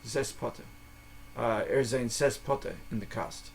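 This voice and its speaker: An American man, a native English speaker, hosting a casual language lesson, slow and halting, with restarts and letters spelled out one by one. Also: medium pitch, vocal fry, slight background noise. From United States. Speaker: podcast host.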